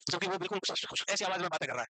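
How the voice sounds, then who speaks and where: A man with an Indian accent teaching a nursing class online, dictating English definitions slowly and quizzing his students. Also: high-pitched, animated, bright, forceful tone, no echo, low-quality recording. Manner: teasing, scolds students playfully.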